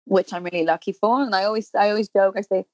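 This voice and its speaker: Talking fast with fairly even intonation, a Welsh woman in her thirties, a Welsh speaker with the accent to match, chats as a podcast guest about her acting and singing work. Her warm storytelling is full of ums and restarts, recorded dry with the highs cut off.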